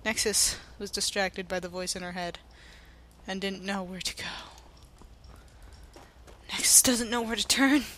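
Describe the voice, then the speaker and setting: A woman's voice: medium pitch, unhurried, pauses often, a bit bright, slight background noise. A young woman giving playful, sarcastic commentary over her gameplay, narrating her character in the third person. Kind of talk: playful let's-play commentary.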